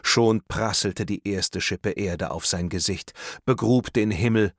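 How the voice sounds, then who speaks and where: A man reading a thriller audiobook aloud in a tense, measured storytelling manner. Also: lowish voice, no echo. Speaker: audiobook narrator. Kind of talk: scripted narration of a thriller.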